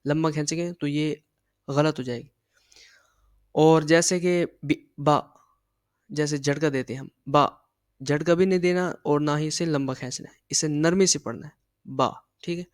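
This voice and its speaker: A man teaching a Quran reading lesson, patiently explaining and slowly drilling syllables aloud. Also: fairly high pitch, fairly even intonation, darkish tone, clear, resonant tone, no room sound.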